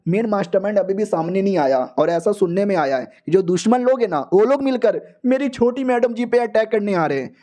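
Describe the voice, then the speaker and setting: Man voicing young male hero, cocky, teasing, slangy, high voice. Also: lively intonation, fairly quick, hardly any pauses, dark tone.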